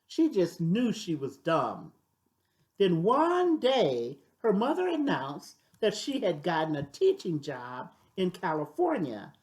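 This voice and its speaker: Here a storybook reader, an older woman with a mid-range voice, performs a children's story aloud in a measured, expressive manner.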